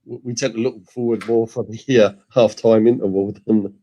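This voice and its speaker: A man's voice: on the low side, steady tone, moderate pace, dark tone, poor audio. A man from England co-hosting a casual football watchalong, joking and calling the play. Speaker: co-host.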